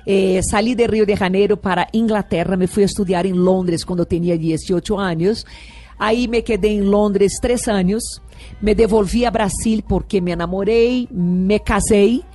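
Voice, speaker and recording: Brazilian-accented middle-aged woman guest, husky, chatty storyteller, mid pitch. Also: moderate pace, faint music behind. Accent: Brazilian Portuguese. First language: Portuguese. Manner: lively, laughing, rambling storyteller. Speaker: sexologist guest. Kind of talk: casual interview chat.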